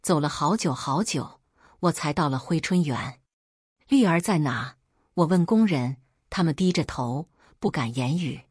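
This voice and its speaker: A woman's voice: low voice, normal speed, husky, dry recording, clean studio sound. A woman storyteller reading a first-person story expressively. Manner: expressive, acts out dialogue. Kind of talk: first-person scripted narration.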